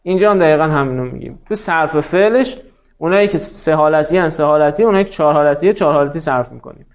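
A man with a high voice teaches a grammar lesson, turning the rules into little conversations with the letters. He slows right down to spell out word forms one by one and to dictate each rule. The recording sounds dull and muffled. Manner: acts out dialogues with the letters, voicing them in quotes.

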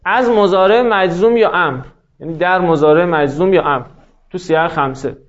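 High-voiced man teaching grammar. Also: highs cut off. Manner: acts out dialogues with the letters, voicing them in quotes; slows down to spell out word forms and dictate rules. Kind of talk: classroom grammar lesson.

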